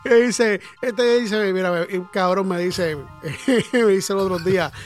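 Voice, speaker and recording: A man's voice: sits high, slow, faint music behind. A man hosting a casual comedy podcast, laughing often and swearing freely. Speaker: podcast host.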